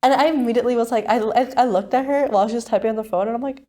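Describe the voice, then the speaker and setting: A woman's voice: a little high, racing. A young woman co-hosting a podcast, telling a family travel story in casual chat and acting out the voices of the people in it. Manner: animated, acts out family members' voices in quotes. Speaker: podcast co-host.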